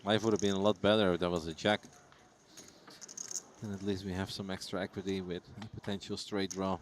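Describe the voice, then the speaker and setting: A man's voice: low voice, level tone, fairly quick, a little hiss or hum. A man commentating on live poker in a casual, chatty, jokey and teasing way.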